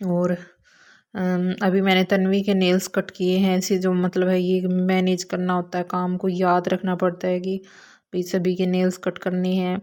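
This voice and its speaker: A woman and mother telling her daily routine in a calm, casual vlog narration, with many small filler words. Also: lowish voice, normal speed. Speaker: mother vlogger.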